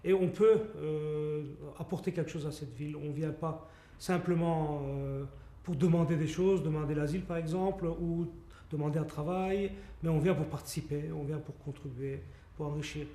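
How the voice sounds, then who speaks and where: A man explaining a project in an interview, measured, posing and answering his own questions. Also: fairly high pitch, steady tone, warm tone. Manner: measured, poses rhetorical questions. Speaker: project spokesman. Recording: echoey room.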